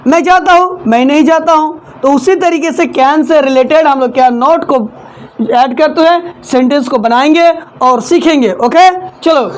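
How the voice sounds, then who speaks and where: High-voiced woman drilling a class. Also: unhurried. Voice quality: repeats each point and asks the class to echo it. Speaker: English teacher. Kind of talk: classroom lesson, call-and-response drilling.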